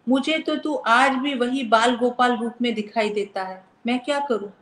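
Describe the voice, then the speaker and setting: A woman's voice: on the high side, normal speed, a bit bright, lightly acted. A woman voicing a young woman who is like an elder sister, stern yet loving, in a spoken story. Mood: tender. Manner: scolding then tender, heartfelt. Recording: roomy echo.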